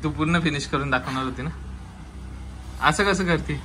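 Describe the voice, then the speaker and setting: A man's voice: a little high, normal speed, bright, forceful tone, slight background noise. A man hosting a casual vlog, talking in a teasing, coaxing way. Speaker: vlog host.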